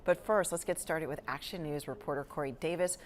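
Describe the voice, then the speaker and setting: A woman's voice: deep voice, steady tone, a little fast. A female news anchor leading the broadcast with polished delivery.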